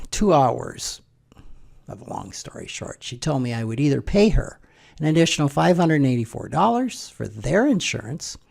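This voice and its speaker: A middle-aged American man tells a personal story in a relaxed, wry commentary style. His voice has a gravelly edge and sits at an ordinary mid pitch. He clears his throat now and then. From United States. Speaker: financial planner.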